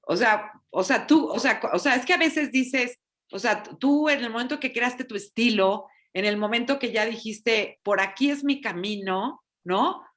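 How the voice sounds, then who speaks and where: Woman moderator, slightly high, hesitant filler-filled questions. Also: unhurried, fairly bright tone. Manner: searching phrasing with repeated fillers. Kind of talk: panel discussion questions.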